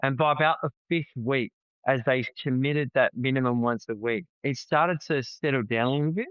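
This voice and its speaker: A man speaks as a guest on a podcast and tells stories in an earnest, conversational voice. His voice is smooth and resonant, and he often repeats a word as he restarts a thought. The recording is dry and a little dull. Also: mid-range voice, normal speed, fairly bright tone, no echo. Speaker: podcast guest, founder of a family program. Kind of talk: conversational storytelling.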